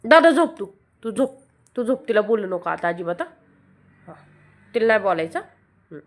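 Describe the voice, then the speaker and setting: A woman with a Marathi accent talking to her small children at home, coaxing them to sleep with playful scolding and soft repeated words. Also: mid-range voice, sing-song, moderate pace. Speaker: mother filming her children. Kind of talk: casual home vlog, talking to babies.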